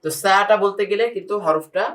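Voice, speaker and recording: A man's voice: high voice, fairly even intonation, brisk, fairly bright tone. Patient male teacher repeating letter sounds. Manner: addresses a student and the viewers directly. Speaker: Quran reading teacher. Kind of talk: step-by-step pronunciation lesson. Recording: roomy sound, voice from a distance.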